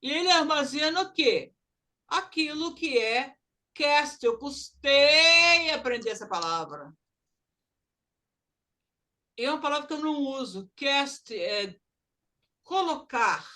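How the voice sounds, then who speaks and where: A woman teaching English in an online class, explaining slowly and mixing English phrases into her talk over a video call. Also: high-pitched, lively intonation, pushed and bright.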